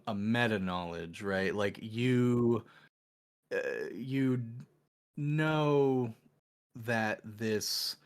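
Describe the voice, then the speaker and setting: A man running a tabletop game as game master, explaining rules with many hesitant fillers. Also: medium pitch.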